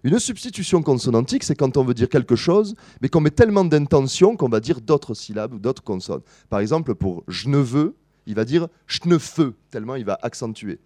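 A male lecturer presenting his analysis to an audience, his pitch rising and falling with a lot of movement. His tone is warm and mellow, and the recording is dry and close. He explains patiently, stopping now and then to correct himself. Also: big pitch swings, no room sound. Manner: explanatory, pauses with fillers and self-corrections. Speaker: musicology lecturer. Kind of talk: academic presentation to a live audience.

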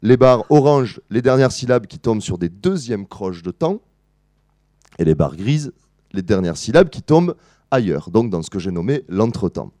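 Male academic lecturer, animated pitch, mellow tone, explanatory delivery with fillers and self-corrections. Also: moderate pace, dry recording. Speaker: musicology lecturer. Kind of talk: academic presentation to a live audience.

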